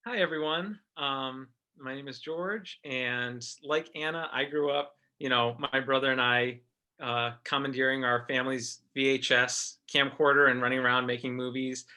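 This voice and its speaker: Man, film teacher, video call, bright tone, casual, upbeat. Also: medium pitch, steady tone, normal speed. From American Samoa. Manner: casual and upbeat, many ums and restarts. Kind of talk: panel discussion, personal intro.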